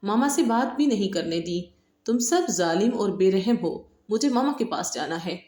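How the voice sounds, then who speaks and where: A woman's voice: on the low side, animated, roomy sound, lightly acted. A woman voicing a raging, heartbroken young woman. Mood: anguished, furious. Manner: shouting, accusing. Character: distraught young woman, grieving and furious. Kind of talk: audiobook novel reading.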